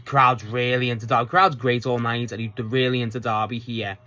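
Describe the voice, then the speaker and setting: Man, bright edgy voice, casual vlog review, loose and sweary. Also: medium pitch, fairly even intonation, brisk. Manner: chatty, swears freely, retells scenes in quotes. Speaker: wrestling show reviewer.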